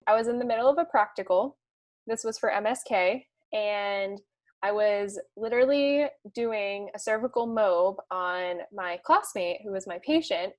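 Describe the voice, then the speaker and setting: A woman in her twenties, a student guest on a podcast, telling stories in a bubbly, animated way and laughing often. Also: medium pitch, moderate pace. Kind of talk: casual podcast chat.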